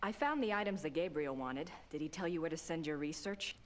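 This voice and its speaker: A woman voicing a young woman researcher in a point-and-click game, speaking in a brisk, matter-of-fact way. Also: low-pitched, close to an everyday voice. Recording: game audio with music.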